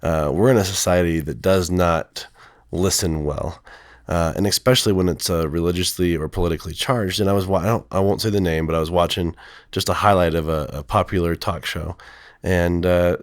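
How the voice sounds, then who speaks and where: A male counselor with a voice lowered by illness, explaining in a rambling, hesitant way full of fillers. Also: steady tone, brisk, no echo, clean studio sound. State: sick, voice lowered from strep throat. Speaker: counselor and podcast co-host. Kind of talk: casual podcast conversation.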